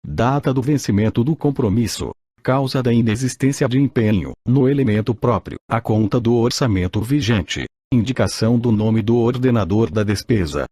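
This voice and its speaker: Audiobook narrator: synthetic man's voice in old text-to-speech style, impersonal, husky, recorded very dry. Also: lowish voice, moderate pace, warm tone, dry recording. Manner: mechanical, impersonal reading. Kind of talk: scripted audiobook narration, read aloud.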